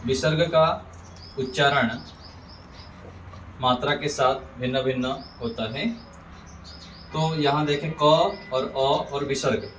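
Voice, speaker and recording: A man giving a slow pronunciation lesson, drawing out each example with careful repetition. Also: medium pitch, fairly even intonation, a bit bright. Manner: drawn-out, carefully enunciated examples, repeated for drilling. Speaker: Sanskrit teacher. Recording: echoey room, distant mic, faint ambient noise.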